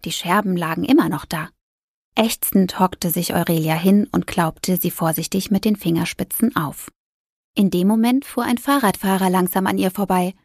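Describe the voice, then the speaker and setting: A woman reads a story aloud expressively, her voice grainy and a little husky. The sound is close and dry, with no room around it. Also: mid-range voice, no echo. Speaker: narrator. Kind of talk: audiobook narration.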